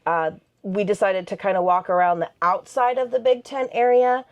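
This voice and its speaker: A woman co-hosting a travel vlog, recapping the trip in a relaxed, chatty way. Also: medium pitch, moderate pace, lo-fi sound. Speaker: vlog co-host. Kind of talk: casual sit-down recap chat.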